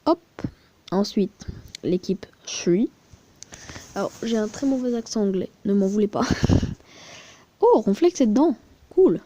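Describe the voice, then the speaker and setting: A woman's voice: on the high side, lively intonation, moderate pace, long pauses, dark tone, dull audio. A woman giving crude, rambling, chatty commentary while showing her mobile game, with muttered asides. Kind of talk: casual screen-recording commentary.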